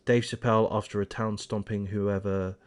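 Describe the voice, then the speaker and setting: A man's voice: fairly low pitch, level tone, normal speed. A man hosting his own channel, giving casual, opinionated news commentary in a rambling way with many ums and uhs. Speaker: channel host. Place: home in Australia.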